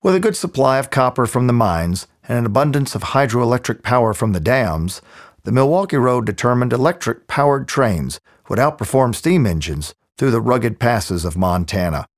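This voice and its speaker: A man narrating a scripted audio tour in the smooth, measured, clearly articulated manner of a museum guide. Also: mid-range voice, animated. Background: background music.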